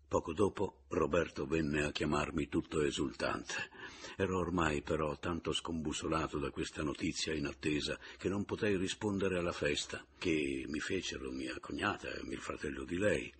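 A man narrating a novel in the first person, expressive and storytelling. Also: very deep voice, normal speed, slight background noise. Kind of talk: audiobook narration.

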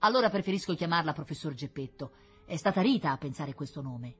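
A woman voicing a bold, eager young boy in a storybook reading. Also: quick pace. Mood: earnest. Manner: eager, lively, high-pitched.

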